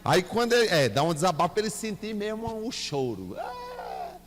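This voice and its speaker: Slight background noise sits under this man's high voice, delivered at normal speed in a reverberant church hall. He is a church teacher with a Bahian Portuguese accent, leading a Bible class in a lively way: questioning the class and acting out scenes with his son.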